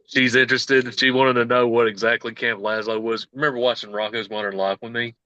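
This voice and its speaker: A man's voice: mid-range voice, flat delivery, fairly quick, pushed and bright, no echo, muffled recording. A man with a Southern US accent co-hosting a casual podcast chat, laughing often and tripping over names. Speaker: podcast co-host.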